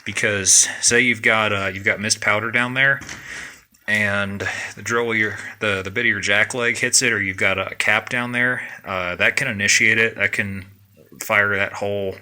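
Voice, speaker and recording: A man hosting a mining video, giving a casual, plain-spoken walkthrough inside an underground mine tunnel and often pausing on fillers. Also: lowish voice, steady tone, sharp tone. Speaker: mining vlog host.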